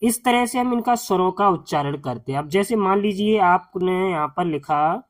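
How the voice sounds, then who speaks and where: A high-voiced man works as a tutor in a slow, classroom-style lesson. He patiently repeats each sound and spelling, one step at a time.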